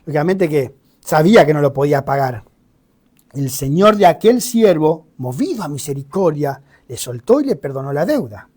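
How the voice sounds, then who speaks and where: A preacher giving a sermon that explains a Bible passage. The delivery is animated, swinging between loud emphasis and quiet asides, with dramatic readings that voice the characters in the story. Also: medium pitch, normal speed, breathy edge. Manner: reads scripture dramatically, voicing the characters.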